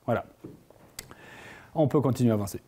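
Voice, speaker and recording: Man, French accent, mellow voice, live conference talk, quizzes the audience, animated delivery. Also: mid-range voice, brisk, breathy edge. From France. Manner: lively, quizzes the audience with rising questions. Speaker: conference speaker.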